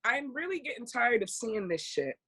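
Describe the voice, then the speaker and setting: Woman podcast co-host, kinda high voice, blunt and candid, swears a lot, casual chat. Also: big pitch swings, normal speed, bright, forceful tone, breathy edge, poor audio.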